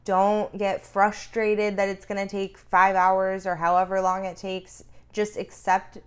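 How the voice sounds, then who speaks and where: A woman's voice: medium pitch, flat delivery, measured pace, smooth. A woman co-hosting a casual advocacy talk, informal and emphatic, repeating herself to drive points home. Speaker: co-host.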